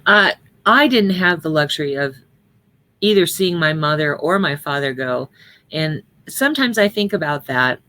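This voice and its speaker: Woman, middle-aged, low voice, earnest storyteller, memorial service reading, lightly acted dialogue. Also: expressive, normal speed, bright, forceful tone. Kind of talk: reading a personal story aloud, then reflecting.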